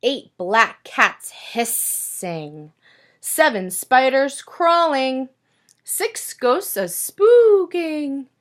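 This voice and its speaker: In a high-pitched, sing-song voice, a woman teacher reads a picture book expressively to young kids and stops now and then to ask them questions.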